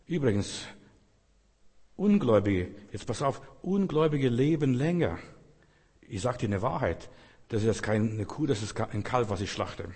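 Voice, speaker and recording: Man, preacher, husky voice, sermon, long hall reverb, talks straight to the congregation. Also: mid-range voice, a little mellow. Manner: direct, addresses listeners as "du", rhetorical questions.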